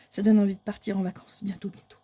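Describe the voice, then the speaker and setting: Chatty woman with a mellow voice. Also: mid-range voice, level tone, brisk, husky. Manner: chatty, hesitant, many fillers and restarts. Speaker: crafting vlogger. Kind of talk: casual show-and-tell of coloring books.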